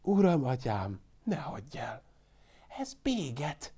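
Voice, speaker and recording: A man voicing an excitable old shepherd who calls and exclaims loudly in a raised voice. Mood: frightened. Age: older. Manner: loud, high-pitched calling and exclaiming.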